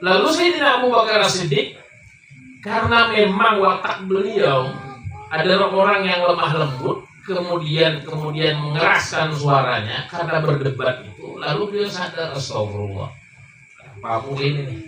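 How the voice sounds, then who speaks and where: A man preaching a sermon, telling a story that often climbs high and emphatic. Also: pushed and bright. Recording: echoey room, mic far off, faint noise.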